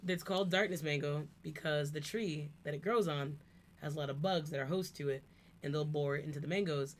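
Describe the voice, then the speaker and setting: A woman's voice: sits low, a little fast. A woman chatting casually on a live stream in an explanatory, teasing way, with some background noise. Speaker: streamer, co-host. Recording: background noise and room ambience.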